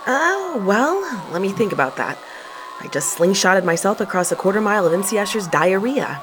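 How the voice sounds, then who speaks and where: A woman's voice: medium pitch, big pitch swings, moderate pace, close to an everyday voice. A woman playing a sardonic, profane young narrator. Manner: sarcastic and profane, often panicky. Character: sardonic young woman narrating her own reckless stunt. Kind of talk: first-person audio drama narration. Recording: audible background noise.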